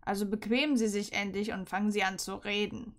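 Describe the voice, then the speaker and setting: A woman reading aloud and voicing a cold, mocking male teacher in a slow, lowered voice. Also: fairly even intonation, lightly acted. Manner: slow, low, sneering.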